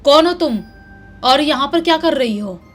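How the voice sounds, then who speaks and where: Woman as a panicked mother in a haunted house; urgent, frightened, a bit high. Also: fairly even intonation, fast talker, soft background music, natural voice. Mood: scared, confronting. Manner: panicked, pleading.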